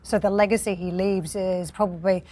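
A woman's voice: mid-range voice, steady tone, moderate pace, mellow. A woman co-anchoring business news, giving unscripted commentary on the story.

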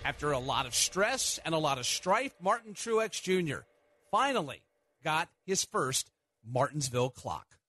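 A man's voice: on the high side, big pitch swings, unhurried, sharp tone. A man hosting a racing radio show, reading scripted links in an announcer's manner. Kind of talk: scripted broadcast narration.

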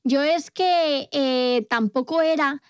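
A young woman from Spain co-hosting a podcast in casual chat, telling stories in a relaxed, playful way. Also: high voice, slow pace, no room sound. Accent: Spain Spanish. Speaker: podcast co-host.

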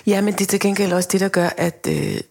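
A woman director talking casually on a podcast, animated, acting out quotes and laughing as she talks. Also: mid-range voice, a little hiss or hum. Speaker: film director, guest.

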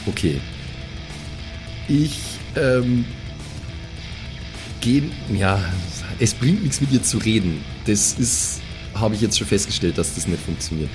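With a lowish voice, a man takes things slowly and leaves long pauses as he muses aloud over a casual, improvised tabletop game, sounding hesitant, slangy and relaxed. The audio quality is poor, and music runs underneath.

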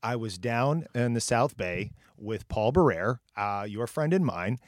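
A man's voice: mid-range voice, measured pace, no echo, studio quality. A middle-aged man co-hosting a casual podcast, joking and chatty. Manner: lively, joking. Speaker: podcast co-host.

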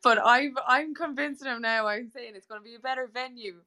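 A woman's voice: fairly high pitch, a little fast, sharp tone. A young woman with a West of Ireland accent, chatting in a jokey, casual way as a podcast guest. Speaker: guest musician.

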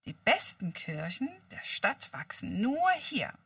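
A woman's voice: a little high, sing-song, takes it slowly, fairly bright tone, husky, dry recording, studio quality, voice pushed up, heavily acted. A woman doing a know-it-all boy detective. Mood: explaining. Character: clever boy, leader of a detective gang. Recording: distant mic.

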